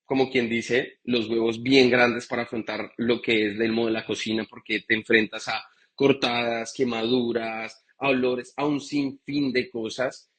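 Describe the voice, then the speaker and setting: A man's voice: mid-range voice, little pitch movement, unhurried, fairly bright tone, husky. A man from Bogotá with a Colombian accent, a guest bartender telling his story in a chatty live interview over a video call. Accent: Bogotá Colombian Spanish. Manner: chatty, frequent fillers and restarts.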